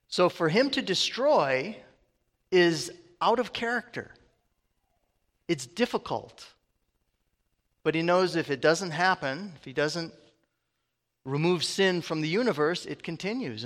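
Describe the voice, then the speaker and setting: A man's voice: on the high side, fairly bright tone. Man preaching in a reverberant hall. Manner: conversational preaching, asks the congregation questions. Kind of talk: sermon.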